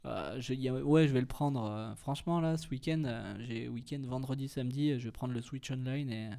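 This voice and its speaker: A young man of middling pitch chats on a casual podcast, joking and teasing his co-host. He stops often on hesitant fillers as he looks for his words. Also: fairly quick, creaky, warm tone. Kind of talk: casual chat.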